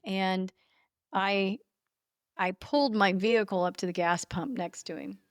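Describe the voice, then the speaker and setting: A woman's voice: medium pitch, unhurried, no room sound, clean studio sound. A woman hosting a podcast interview, telling personal stories in a heartfelt, emotional way. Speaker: podcast host.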